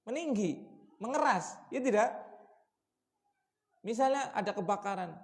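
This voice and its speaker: A man preaches at a mosque study session. His delivery swings widely, rising loud and high for warnings, then dropping low and quiet for asides. He keeps asking his listeners questions as he teaches. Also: expressive, a little slow, creaky. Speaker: Islamic preacher.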